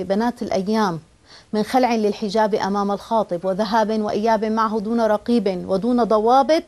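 A woman's voice: medium pitch, a little mellow. A woman teaching a religious lesson. She explains in an earnest way and often restarts a phrase.

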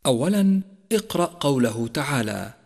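A man gives a Quran recitation lesson in a steady, mid-pitched voice, explaining each rule step by step. He stretches the example words out in slow, melodic recitation. The recording carries a long reverberant tail. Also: creaky, slightly rough. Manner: recites verses slowly and melodically, explains rules in measured voice. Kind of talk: tajweed lesson.

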